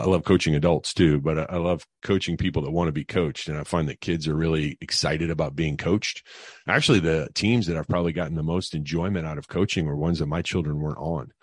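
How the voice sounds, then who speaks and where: Very deep-voiced man telling stories. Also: husky, no room sound, studio quality. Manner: conversational, frequent fillers and restarts. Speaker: guest, financial advisor. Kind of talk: casual interview storytelling.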